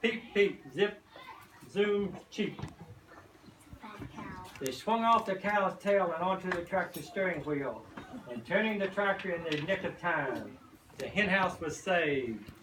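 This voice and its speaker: An older farmer, a folksy grandfather, reads a children's storybook aloud to a first grade class, adding asides to explain the pictures. His high-sitting voice is animated at a moderate pace. The echoey classroom, distant mic and noisy background make it sound roomy.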